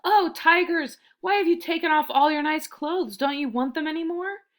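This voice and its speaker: Brief: small storybook boy, high and pleading, clever under pressure; woman reader. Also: normal speed, fairly bright tone. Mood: anxious. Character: small clever boy, frightened but quick-witted.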